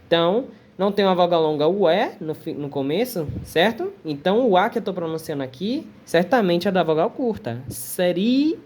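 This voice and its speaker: A woman's voice: on the low side, expressive, moderate pace, few pauses, a little mellow. A Portuguese-speaking woman teaching an online Arabic lesson, patiently repeating words and checking in with her students. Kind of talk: relaxed online language lesson.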